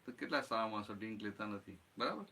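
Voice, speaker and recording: A man's voice: lowish voice, lively intonation, fast, bright, forceful tone, husky. A man giving a satsang talk as spiritual teacher, explaining with everyday examples and often checking that listeners follow. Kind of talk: satsang talk answering a question.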